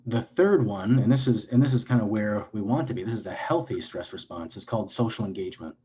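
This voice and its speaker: A man's voice: fairly low pitch, dark tone, lo-fi sound. A man speaking as a clinician guest in an interview, explaining in an earnest, lecturing way with frequent restarts and self-corrections.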